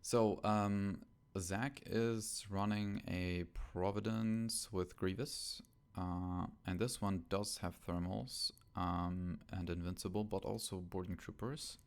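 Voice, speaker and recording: A man co-hosting a casual podcast about a tabletop game, thinking aloud and hesitating with many ums, on rough home audio. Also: sits low, steady tone, slow, few pauses. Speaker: podcast co-host.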